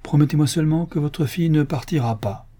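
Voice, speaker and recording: A devoted young Corsican lover, as a man voices him in an audiobook tale. He speaks earnestly and pleadingly, with a proud streak. The tone is mellow and slightly husky. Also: a little high, brisk, voice pushed up, close to an everyday voice. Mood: hesitant.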